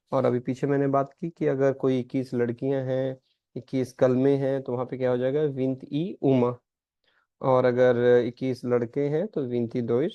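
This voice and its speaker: A man's voice: medium pitch, no room sound. Man teaching Portuguese numbers, dull lo-fi. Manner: explains in Hindi, reads out Portuguese examples slowly. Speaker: language teacher. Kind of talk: recorded lesson. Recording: dry, slightly dull lo-fi sound.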